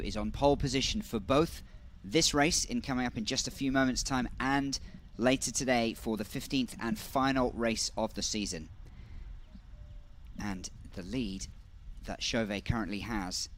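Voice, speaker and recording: Man giving measured motorsport commentary. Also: medium pitch, a bit bright, a little hiss or hum. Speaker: race commentator.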